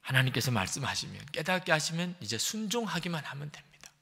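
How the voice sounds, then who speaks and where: A man's voice: on the high side, sing-song, quick pace, vocal fry, pushed and bright, breathy edge. A man preaching a sermon as pastor in a church sanctuary, telling stories in an earnest, emphatic way. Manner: earnest, emphatic storytelling with dramatic shifts. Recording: reverberant church hall.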